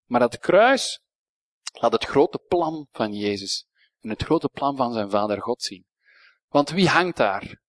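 A Flemish-accented man delivers a sermon with dramatic swings from hushed phrases to emphatic peaks. His voice sits at an ordinary middle pitch for a man. The sound is dry, with no room echo. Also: big pitch swings, takes it slowly. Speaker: preacher.

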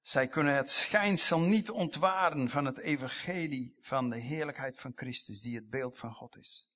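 Preacher, bright husky voice. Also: male voice, medium pitch, moderate pace. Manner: emphatic, rising to loud passages and dropping to whispers. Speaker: pastor. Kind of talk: sermon.

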